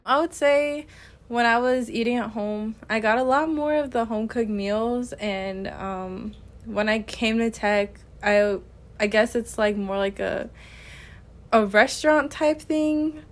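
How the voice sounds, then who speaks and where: A woman's voice: a little high, a little slow. A young college woman answering casually, with lots of filler words. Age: young adult. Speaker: interviewee.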